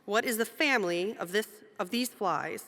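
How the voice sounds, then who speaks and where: A woman's voice: mid-range voice, expressive, normal speed, fairly bright tone. A woman moderating a quiz competition, reading questions aloud and joking between them, in a large event hall. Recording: long hall reverb.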